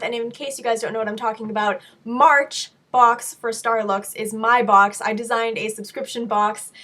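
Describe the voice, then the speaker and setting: A woman's voice: medium pitch, fairly bright tone. A young woman with a voice affected by being sick, answering questions in a frank, casual vlog style with playful asides. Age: young adult. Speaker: video blogger answering viewer questions. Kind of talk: casual chat to camera, Q&A.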